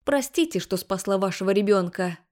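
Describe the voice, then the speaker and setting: A woman's voice: mid-range voice, a little fast, darkish tone, natural voice. A woman voicing a defiant young woman, a grown daughter who speaks sarcastically and firmly, in an audiobook. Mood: sarcastic tearful. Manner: sarcastic, firm.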